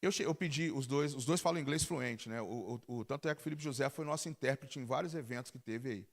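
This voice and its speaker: A male pastor with a Brazilian Portuguese accent, telling a testimony as a story during a church sermon, with animated, halting restarts. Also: medium pitch, creaky. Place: church service.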